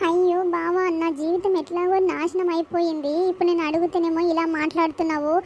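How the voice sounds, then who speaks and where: A woman with a Telangana accent playing a wronged young village woman in a comedy skit, pressing her questions in a high, insistent voice. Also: little pitch movement, fast talker, darkish tone, a little hiss or hum. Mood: upset. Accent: Telangana Telugu.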